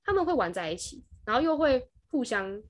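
A young woman with a Taiwanese Mandarin accent chats on a podcast in a quick, brisk rush. Her voice sits a touch high. She tells her stories with animated energy and briefly acts out the people in them. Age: young adult. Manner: animated storyteller who briefly acts out kids and parents. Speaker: podcast co-host. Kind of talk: casual chat.

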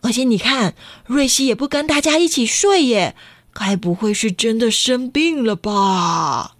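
A woman voicing a worried father lovebird in a storybook, slow and concerned. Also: a little high, lively intonation, dry recording, clean studio sound.

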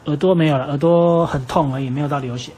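A man with a Taiwanese Mandarin accent gently improvising a bedtime story for his child and patiently answering questions, recorded on a phone at home. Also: fairly high pitch, fairly even intonation, fast, a little hiss or hum. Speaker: father telling a bedtime story.

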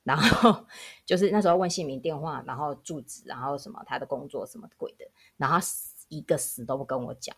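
Woman, public health nurse, low voice with fry, lively emphatic storyteller. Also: fairly quick. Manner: animated, emphatic anecdote telling. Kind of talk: casual podcast storytelling.

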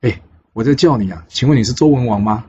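A man's voice: mid-range voice, fast, warm tone, breathy edge, pitched above the performer's own voice. A man voicing an eager, naive young male warrior who has grown wings, talking earnestly with frequent exclamations. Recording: dull lo-fi with faint hiss.

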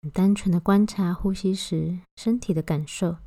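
A woman guiding a body-scan meditation, giving gentle, unhurried instructions with long pauses between phrases. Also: fairly low pitch, fairly even intonation, no echo, studio quality. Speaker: meditation guide.

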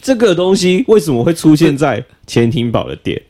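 Man, Taiwanese Mandarin accent, podcast co-host, quick teasing comebacks, somewhat high voice. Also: sing-song, a little mellow, a little hiss or hum. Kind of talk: casual chat.

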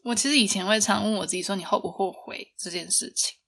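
A woman's voice: medium pitch, fast talker, vocal fry, fairly bright tone, husky. A young woman hosting a podcast, telling a personal story in a chatty way, laughing often and asking listeners rhetorical questions. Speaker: podcast host.

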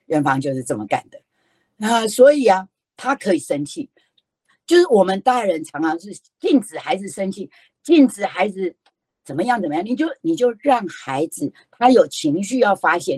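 An older woman from Taiwan with a Taiwanese Mandarin accent, giving a lively, folksy lecture as a storytelling educator, full of emphatic rhetorical questions. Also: on the low side, dry recording.

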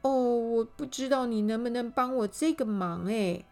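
A woman voicing a tiny, polite, easily flustered little man in a children's storybook, with a high, hesitant voice. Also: normal speed, creaky, a little mellow, soft background music.

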